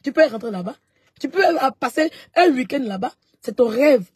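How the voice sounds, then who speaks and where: A woman's voice: sits high, expressive, moderate pace, darkish tone, slightly rough, dry recording, studio quality. A woman vlogger answering followers in a live stream, confrontational and mocking, repeating herself as she talks straight into her phone.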